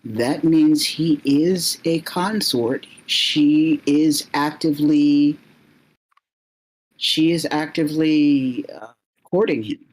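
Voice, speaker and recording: Woman as stiff, jealous old-world vampire man, formal, slow and low. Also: darkish tone. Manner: formal, stiff, stumbling when caught out. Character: jealous centuries-old male vampire official.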